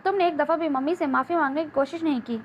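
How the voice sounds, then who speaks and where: A woman reading the part of a defiant, angry young wife in an audiobook novel, with a sharp, scolding delivery. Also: high voice, lightly acted. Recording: dull lo-fi with faint hiss.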